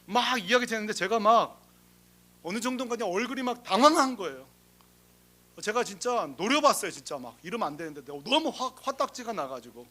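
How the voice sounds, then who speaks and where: A male senior pastor with a notably high-pitched voice delivers a sermon. He tells humorous stories in a lively way, slipping into the voices of the people in them, and keeps turning to the congregation with questions. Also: a little fast. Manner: lively, humorous storytelling that acts out the people in the story; talks straight to the congregation with rhetorical questions.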